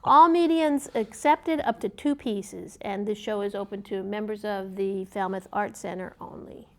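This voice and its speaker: A woman co-hosting and reading community event announcements in a conversational, slightly halting way. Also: medium pitch, darkish tone. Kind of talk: conversational announcements, read from notes.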